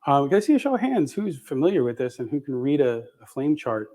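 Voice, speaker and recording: Chewing gum on a conference stage before an audience, a man runs a live tech demo, talking fast in a mellow, sing-song, medium-pitched voice. His delivery is casual and profane, packed with fillers and restarts.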